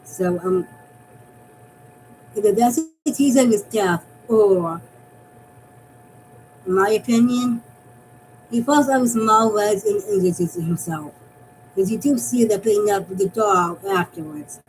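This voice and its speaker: Rambling woman from Massachusetts, faint rumble. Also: takes it slowly, long pauses, a little mellow, low-quality recording. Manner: rambling, repeats and restarts phrases. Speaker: fan vlogger. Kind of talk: casual fan theory chat.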